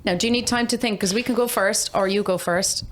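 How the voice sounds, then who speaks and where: An Irish woman co-hosting a casual podcast chat, chipping in with dry, quick-witted remarks. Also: medium pitch, loud music behind the voice. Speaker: podcast co-host.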